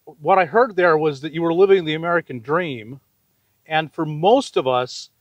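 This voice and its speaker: A man's voice: fairly high pitch, moderate pace, no room sound. An older man hosting a casual interview outdoors, affirming and reflective in the way he talks. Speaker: interviewer, host. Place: outdoors on open desert gravel lot.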